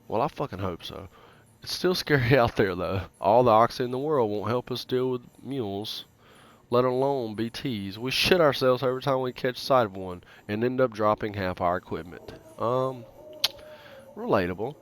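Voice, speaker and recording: A man hosting a let's play, reading in-game text aloud in a casual, halting way and swearing freely between passages. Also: medium pitch, dry recording. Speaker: gaming channel host.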